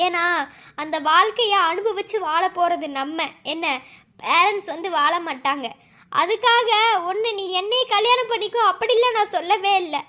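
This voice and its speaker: A voice actor playing a heartbroken young man who tearfully pleads with his lover in a cartoon love story. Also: sharp tone. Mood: earnest. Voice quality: high, sped-up cartoon voice. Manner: tearful, begging.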